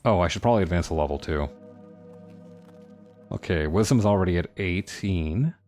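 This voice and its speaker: A man's voice: low-pitched, moderate pace, darkish tone, faint music behind. A man streaming a game, musing aloud over his choices in casual commentary.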